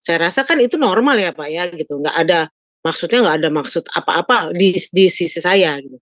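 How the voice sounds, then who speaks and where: A woman's voice: on the low side, expressive, fairly quick, fairly bright tone, dry recording, studio quality. An older woman telling a pastor a personal story in a chatty way, often turning to him for agreement. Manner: chatty, keeps adding "Pak, ya". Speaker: caller asking a pastor. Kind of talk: casual storytelling.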